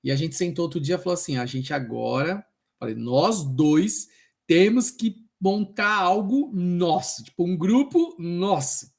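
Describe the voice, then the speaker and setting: A man's voice: high voice, unhurried, vocal fry. A man with a Brazilian accent, a social worker at a health unit, telling work anecdotes at an open class and acting out the voices he quotes. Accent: Brazilian Portuguese. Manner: animated storytelling, acts out quoted voices.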